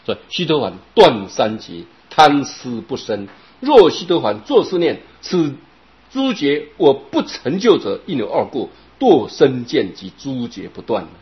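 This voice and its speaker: Male Buddhist teacher, husky and animated, giving a long dharma talk on a dull lo-fi recording. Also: medium pitch, a little slow. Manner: expounding, drawing out particles, repeating phrases.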